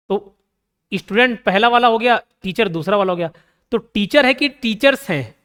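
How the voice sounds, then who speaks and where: High-voiced man teaching grammar. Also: a bit bright, in a large hall. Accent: Chhattisgarh Hindi. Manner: explains step by step, asks and answers his own questions. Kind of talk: grammar lesson.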